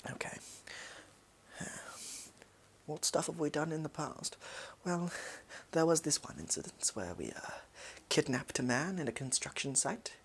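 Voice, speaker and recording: A performer doing a fake posh English villain, pompous and shady, gravelly creak, swooping intonation, halting over-precise phrasing, improvised role-play. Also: medium pitch, sing-song, a little hiss or hum. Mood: slyly persuasive. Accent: posh English, put on.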